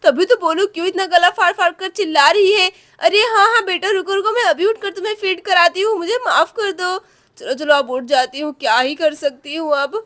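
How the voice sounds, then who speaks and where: A woman's voice: very high-pitched, a little fast, few pauses, fairly bright tone. A woman voicing a tired young village mother in a doll story, talking in a sleepy, pleading way.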